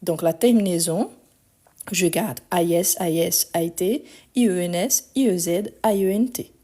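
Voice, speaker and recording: On a phone recording, a French teacher with a fairly low, mellow voice speaks at a moderate pace, sounding a bit weak. She teaches grammar in a live online session, patiently going step by step and spelling each ending out letter by letter.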